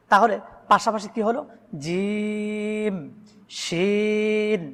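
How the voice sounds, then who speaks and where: With a high, fairly bright voice, a Bangladeshi man addresses viewers as he teaches Quran reading, drawing out every Arabic letter sound through emphatic repetition. He's in a room with a blackboard, and the recording carries long hall reverb.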